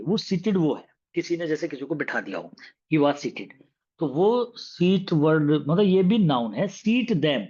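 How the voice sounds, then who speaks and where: A man teaching English grammar for exam prep, explaining points in Hindi and reading example sentences slowly with extra stress. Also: a little high, a little mellow, husky. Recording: dull, muffled lo-fi sound.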